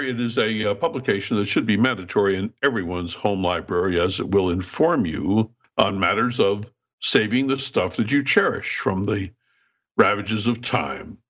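An older man with a low voice hosts a podcast in a wry, conversational style. His wording is florid and tongue-in-cheek, and the recording is slightly dull and lo-fi. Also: a bit bright. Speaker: podcast host.

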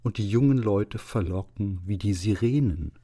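A man's voice: on the low side, moderate pace, mellow, breathy edge. A man doing a rapturous young student.

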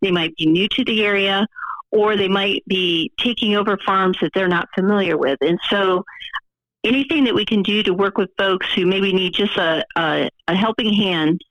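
A woman's voice: mid-range voice, a bit bright, no room sound, rough recording. Woman talking over the phone, dry. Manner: measured, with frequent pauses and "um" fillers. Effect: heard over the phone. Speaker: program leader, interview guest. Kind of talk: interview answers.

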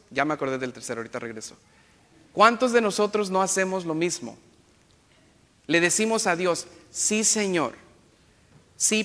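High, bright-voiced priest with a playful homily. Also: male voice. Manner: playful, jokey asides and self-corrections; imitates other people's accents. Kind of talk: Sunday homily. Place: church. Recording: long church reverb.

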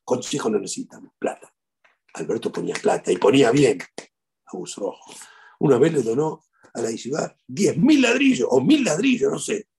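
A middle-aged rabbi with an Argentine Spanish accent delivers a eulogy sermon as animated storytelling, repeating his key phrases. His voice is deeply raspy and full of gravel. His pitch swings widely as he talks. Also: moderate pace.

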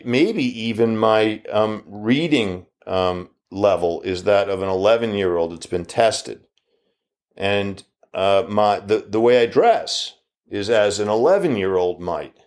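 Here a fifty-something man with a darkish tone pushes an argumentative point of view, firing off rhetorical questions while his voice jumps higher to confront whoever is listening.

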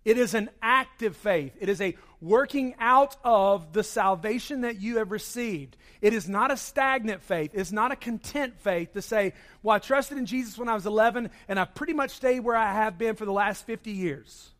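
A man's voice: high-pitched, moderate pace, few pauses, fairly bright tone. A man preaching a conversational sermon to his congregation, acting out everyday inner voices. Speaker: pastor.

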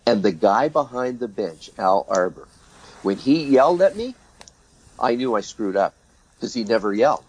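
A man's voice: medium pitch, lively intonation, moderate pace, a little mellow, husky, poor audio. An older man, a retired hockey referee, telling a story as a guest in an interview and acting out the exchanges.

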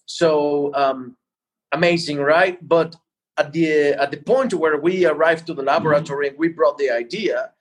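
A man explaining things in an interview as a guest entrepreneur, halting and repeating words as he goes. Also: on the high side. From Mexico.

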